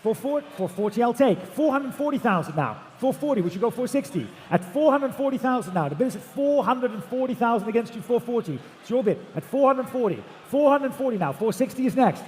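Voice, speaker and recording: A man's voice: extremely high pitch, expressive, brisk, hardly any pauses. A man working as an auctioneer, calling bids in a repetitive, projected chant of numbers at a live auction. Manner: repetitive chanting of figures, often loud and projected. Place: large auction hall. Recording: echoey hall PA with background noise.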